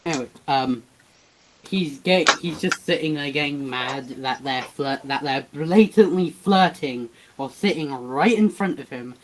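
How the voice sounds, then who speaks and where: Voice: mid-range voice, measured pace, a little hiss or hum, low-quality recording. A person casually narrating a fan-fiction story over a voice call, joking and restarting phrases. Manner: joking, loose, trailing restarts.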